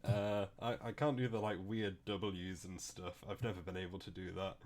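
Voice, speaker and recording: A man's voice: sits low, flat delivery. Man chuckling through a chat. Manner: halting, chuckles often. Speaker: let's play co-host. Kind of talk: casual chat.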